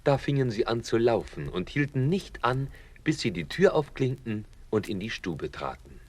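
Lively male fairy-tale narrator. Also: medium pitch, moderate pace. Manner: lively storyteller, acting out quotes.

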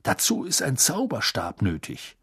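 A man voicing a calm middle-aged wizard who speaks quietly and soothingly. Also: mid-range voice, a little slow, gravelly, husky, no echo, studio quality, heavily acted.

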